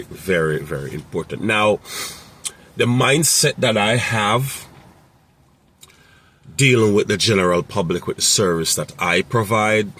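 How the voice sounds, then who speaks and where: Husky low-voiced man giving business advice. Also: a bit bright. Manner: rambling, repeats himself, many ums. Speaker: mobile mechanic business owner. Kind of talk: casual advice monologue.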